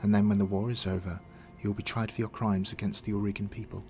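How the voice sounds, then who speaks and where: A man's voice: lowish voice, little pitch movement, fast, darkish tone, soft background music, close to an everyday voice. A man voicing a resolute, wronged noblewoman in a video game, formal and accusing. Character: stern, wronged noblewoman seeking her throne. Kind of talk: read-aloud of video game dialogue.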